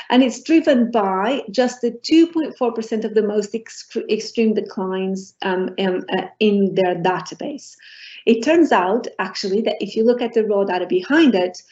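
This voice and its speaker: A middle-aged woman from Portugal giving an academic lecture as a professor, pausing often on ums and restarting her phrases. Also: mid-range voice, darkish tone. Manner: hesitant, many ums and restarts. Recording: dull lo-fi recording.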